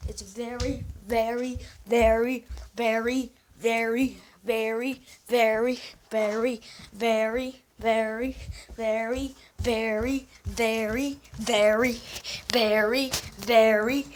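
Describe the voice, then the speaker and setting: A woman putting on a glitching robot alarm voice, stuck on single words and repeating them like a broken machine. Her pitch sits a little high and her delivery drags very slowly. A faint hiss of noise sits under the recording. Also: steady tone.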